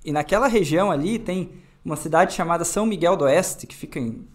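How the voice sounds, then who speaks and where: A man's voice: on the high side, quick pace. A man in his thirties from southern Brazil, a guest telling self-mocking stories in a casual studio chat. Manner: animated storyteller, self-mocking. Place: small foam-padded studio room.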